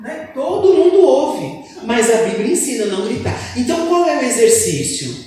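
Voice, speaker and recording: A woman's voice: a little high, moderate pace. Woman preaching in an echoey church hall. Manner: animated, asks the congregation for replies. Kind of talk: church sermon with call-and-response. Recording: echoey hall, distant mic.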